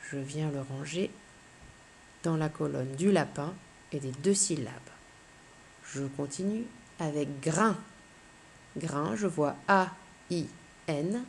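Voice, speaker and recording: Patient schoolteacher, a woman with a lowish voice, very slow delivery for young pupils, faint room hum. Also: darkish tone. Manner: patient, spells out letters one by one. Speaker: teacher. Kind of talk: slow, clear phonics lesson for young children.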